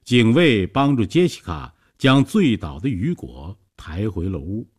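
A man reading a story aloud as a narrator, in a steady, measured way. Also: fairly low pitch, slightly rough.

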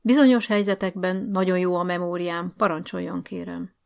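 A woman voicing a cautious, formal middle-aged male school director who speaks politely and placatingly, with a gravelly voice. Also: fairly low pitch, fairly even intonation, a little mellow.

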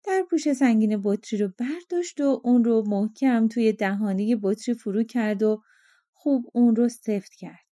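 A woman narrates a storybook of folk tales in a calm, even way. Her voice is fairly high yet mellow and dark-toned, recorded dry and close to the mic. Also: dry recording. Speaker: audiobook narrator.

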